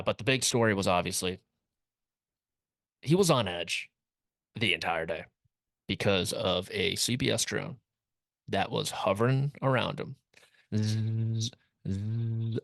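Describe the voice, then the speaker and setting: A man's voice: lowish voice, gravelly, fairly bright tone, no room sound. A young man hosting a casual comedic sports recap, wry and rambling with jokey asides, recorded close in a small studio. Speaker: host.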